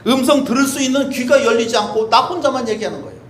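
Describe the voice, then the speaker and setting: High-voiced man preaching in an echoey church. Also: fast, a bit bright. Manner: conversational, rhetorical questions, acts out prayers. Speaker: pastor. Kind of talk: sermon. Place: church sanctuary. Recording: echoey church room with faint hiss.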